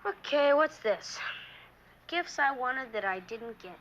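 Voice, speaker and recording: A defiant, wisecracking teenage girl in a seventies TV drama. Her voice is high and bright, on a dull, faintly noisy old soundtrack. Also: expressive, slow pace, exaggerated voice. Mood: brash, teasing. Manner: blunt, wisecracking. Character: sassy, defiant teenage girl with a tough front. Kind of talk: 1970s TV drama acting.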